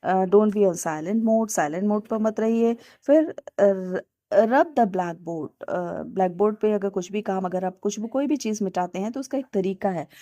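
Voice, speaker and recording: A woman's voice: mid-range voice, a little slow, dark tone, no echo. A woman teacher educator with an Indian Hindi accent, explaining teaching skills in a casual spoken lesson, with many fillers and English terms mixed in.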